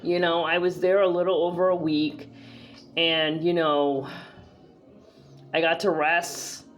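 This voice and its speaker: A woman's voice: lowish voice, little pitch movement, slow pace, faint music behind. A woman from the northeastern US talking casually to her camera in a chatty, rambling way, full of fillers and restarts. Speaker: vlogger.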